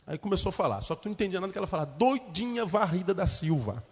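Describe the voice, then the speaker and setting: A man's voice: sits high, expressive, rapid-fire, slightly rough, long reverb tail. A Brazilian male pastor preaching a sermon, telling humorous stories and then rising into fervent rhetorical questions. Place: church.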